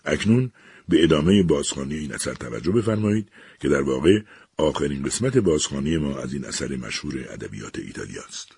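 A man narrating a literary work in a measured, dramatic reading as the program's reader. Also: very deep voice, very animated, gravelly.

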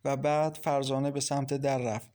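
A man narrating a story aloud in a steady, measured reading style. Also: mid-range voice. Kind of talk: audiobook narration.

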